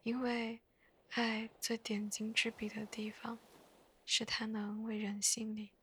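A woman chatting in a soft, breathy whisper for bedtime listening, hushed and gently unhurried, close to the mic. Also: on the high side, level tone, a little hiss or hum. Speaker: host of a bedtime podcast.

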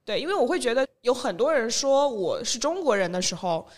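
Shanghai woman, brisk, animated storyteller, slightly high voice. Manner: chatty, lively storyteller, quotes people and mixes in English phrases. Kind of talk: casual chat.

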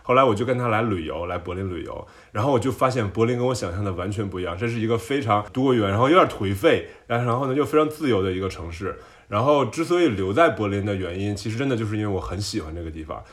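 A man from China, a podcast guest, telling stories in a lively casual chat, laughing often and dropping in English words. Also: fairly low pitch, fast, few pauses.

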